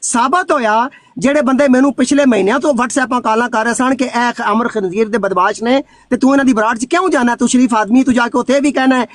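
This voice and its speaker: Guy in his 60s going off, real high pitched voice, dry close sound. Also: quick pace, no echo. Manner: heated, accusing, stumbling restarts. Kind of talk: heated live debate.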